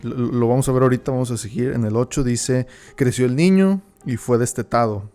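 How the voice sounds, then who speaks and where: A man's voice: medium pitch, fairly quick, warm tone, faint music behind. Man teaching a Bible study. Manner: reads verses aloud, then explains them, often checking in with the listener.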